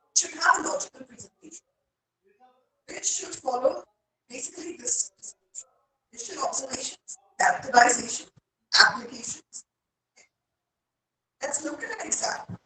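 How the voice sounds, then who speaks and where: A woman's voice: high voice, fairly bright tone, roomy sound, far from the mic. Woman lecturing over a distorted phone mic. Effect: distorted, breaking-up phone mic. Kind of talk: online lecture on research writing.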